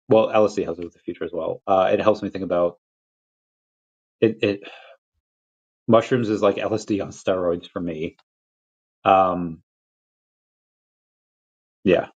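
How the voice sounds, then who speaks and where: Rambling young man on a lo-fi stream. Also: fairly low pitch. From Peru. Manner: rambling, restarts often, laughs between thoughts. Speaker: crypto livestream host. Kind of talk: casual livestream chat. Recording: lo-fi dull audio.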